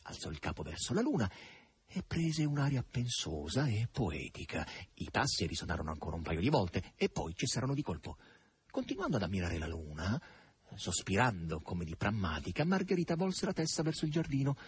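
A man narrating a novel aloud as an audiobook reader, with expressive, varied phrasing. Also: fairly low pitch, a little fast, slight background noise.

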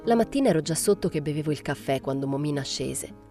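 A woman reading a literary novel aloud as audiobook narration, in a measured, understated first-person style. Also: low-pitched, lively intonation, over loud music. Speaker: audiobook reader.

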